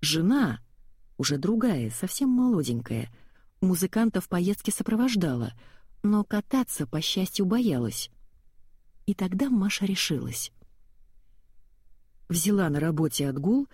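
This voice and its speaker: A woman reading a story aloud in an even, measured way, close to a studio mic. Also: lowish voice, husky, dry recording.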